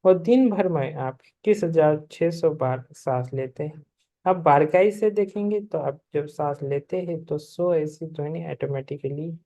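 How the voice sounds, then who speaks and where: A man teaching a yoga and meditation lesson, explaining calmly and chanting mantras with softly fading endings. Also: on the high side, gravelly.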